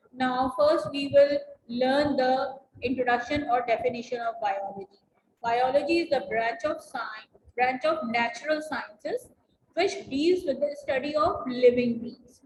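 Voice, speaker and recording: A woman teaching a biology lesson in an online class, patient and repetitive, stopping to correct pronunciation and calling on students. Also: sits high. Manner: patient, repeats key points, addresses students as "beta". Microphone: video call. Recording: echoey room, faint background noise.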